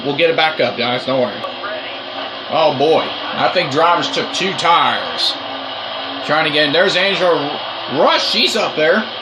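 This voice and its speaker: High-pitched man commentating on a racing game. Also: lively intonation, a little slow, background noise. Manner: urgent, repetitive cheering and coaxing. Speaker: gamer commentating on his own racing game play. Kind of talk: excited gameplay commentary.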